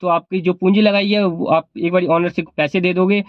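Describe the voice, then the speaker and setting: A cab driver who vlogs speaks a little fast in a high voice with fairly even intonation, giving informal advice that he explains and repeats. A sore throat keeps him from speaking at full volume, and the recording has no room sound and its highs cut off.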